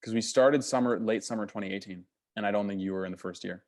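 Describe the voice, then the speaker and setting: Podcast guest, man in his twenties, low-pitched, rapid-fire, colourful storyteller. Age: 20s. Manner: animated storyteller, swears freely. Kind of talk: casual chat.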